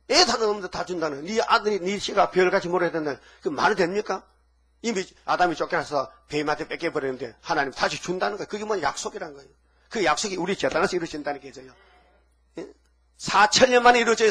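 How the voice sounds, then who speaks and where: A man with a husky voice preaching a sermon emphatically, firing off rhetorical questions at the congregation. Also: a little high, a bit bright. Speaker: pastor.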